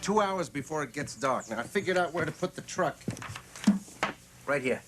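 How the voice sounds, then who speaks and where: A man's voice: fairly high pitch, lively intonation, moderate pace, over music. An actor playing a scheming male crook, talking breezily and confidently, heard from a worn videotape copy. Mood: smug. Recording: hissy worn VHS tape copy.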